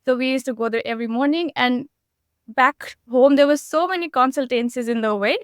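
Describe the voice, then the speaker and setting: A young woman from Nepal speaks in an earnest, encouraging way, now and then in quick bursts. Her voice sits a little high and sounds smooth and clean. The sound is dry and close. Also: no echo. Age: 20s. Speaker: guest. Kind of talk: conversational interview answers.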